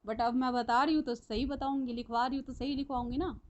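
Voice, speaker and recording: A woman leads a live online lesson in a high, bright voice. She talks in a chatty, repetitive way and keeps checking whether her students are following. The stream audio sounds dull and lo-fi. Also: steady tone, fairly quick. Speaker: teacher. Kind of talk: live online class lecture.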